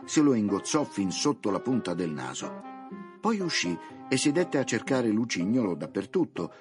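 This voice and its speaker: A man narrating a children's story in a theatrical, expressive way. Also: fairly low pitch. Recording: music playing underneath.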